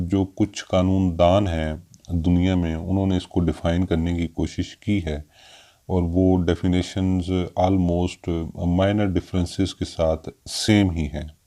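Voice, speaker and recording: A law lecturer with a Pakistani accent gives an informal, explanatory lesson, hesitating often with drawn-out fillers and mixing in English terms. His voice is deep and mellow.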